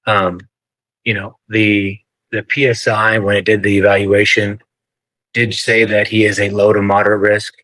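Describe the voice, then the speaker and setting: A man arguing formally in court as a defense attorney, measured and deferential to the judge. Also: fairly low pitch, sharp tone, no room sound, poor audio.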